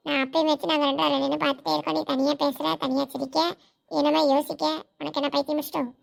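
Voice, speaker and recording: A performer playing a nosy, teasing younger sibling in a comedy sketch. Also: female voice, sits high, little pitch movement, racing, creaky.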